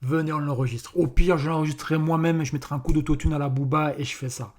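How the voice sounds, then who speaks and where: A man's voice: a little high, fairly even intonation, quick pace. A man rambles through a solo comedy podcast, loose and off the cuff. He swears freely and keeps stumbling over fillers and restarts. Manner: rambling, profane, many fillers. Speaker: podcast host. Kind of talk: casual comedic podcast monologue.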